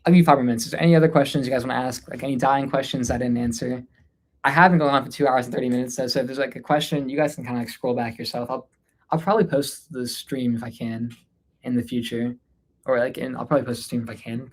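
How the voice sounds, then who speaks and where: Answering viewer questions on an unscripted livestream, a Hindi-speaking man from Delhi in North India mixes in English. His mid-range voice stays steady and quick, yet he comes across as tired and informal, pausing hesitantly and trailing off.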